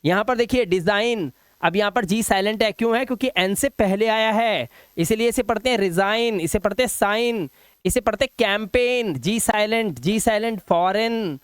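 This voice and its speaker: A man's voice: sits high, normal speed, clear, resonant tone, no echo. Emphatic male English teacher, Indian accent. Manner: emphatic, repeats words and rules, drills pronunciations. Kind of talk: spoken English lesson.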